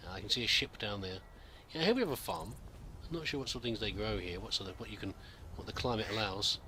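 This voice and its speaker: A man's voice: fairly low pitch, animated, fast, sharp tone, slight background noise. A man giving casual, rambling game commentary, musing aloud hesitantly and politely as he plays. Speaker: gamer narrating a roleplay playthrough.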